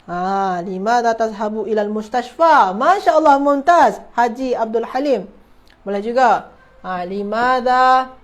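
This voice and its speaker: A woman with a Malaysian Malay accent teaches an Arabic class online, saying example phrases slowly and repeating them as she quizzes her students. Her voice is a little high and animated.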